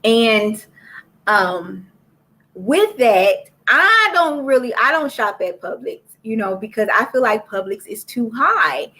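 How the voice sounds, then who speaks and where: A woman's voice: on the high side, sing-song, slow pace, sharp tone. A woman hosting a live-streamed book club, talking straight to her viewers in a chatty way. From Florida. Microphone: laptop or phone for a live stream.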